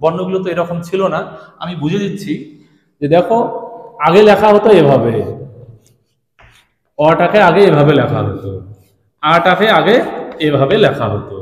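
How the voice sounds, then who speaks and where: Man, patient teacher, fairly high voice, roomy reverberant sound. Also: expressive. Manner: patient, explanatory, repeats sounds slowly. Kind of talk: classroom lesson to students. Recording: echoey room with long reverb.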